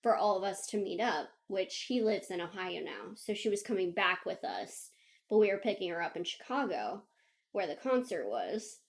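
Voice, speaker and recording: A young woman co-hosting a podcast, telling a story in casual chat, animated, laughing often and acting out what others said. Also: medium pitch, normal speed. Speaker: podcast co-host.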